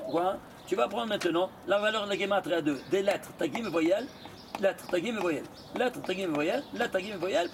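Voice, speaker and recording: A rabbi teaching a lively Torah lesson, quizzing his students with quick rhetorical questions and mixing in Hebrew terms. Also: high voice, a little hiss or hum.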